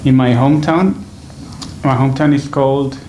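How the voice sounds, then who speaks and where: A man in his twenties from Venezuela, seated on a sofa in a small room before a stand microphone, gives interview answers in a steady, mid-range, slightly mellow voice at normal speed. He's reflective and hesitant, often using fillers and starting over, and there's a little hiss or hum.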